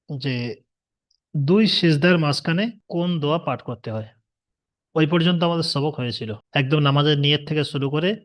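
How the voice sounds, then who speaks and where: A man with a Bengali accent teaching a prayer recitation online, getting the class to repeat after him and chanting the Arabic slowly in a melody. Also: on the high side.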